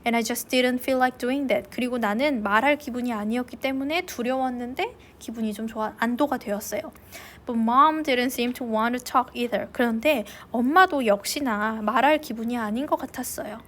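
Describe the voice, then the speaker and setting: A woman English teacher reading a novel aloud slowly and clearly, then translating it line by line. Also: fairly high pitch, fairly bright tone. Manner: slow and clear in English, quicker in Korean.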